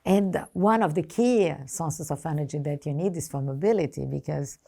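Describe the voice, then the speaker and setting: Low-pitched, halting Brazilian-accented woman. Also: gravelly, warm tone. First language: Portuguese. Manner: hesitant, halting, choosing words carefully. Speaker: ambassador being interviewed. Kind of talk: formal interview answers.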